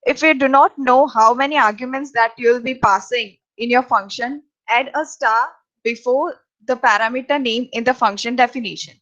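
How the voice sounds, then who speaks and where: A woman teaching programming over slides, talking in a halting way with many fillers and restarts. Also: on the high side, a bit bright. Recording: dull lo-fi recording.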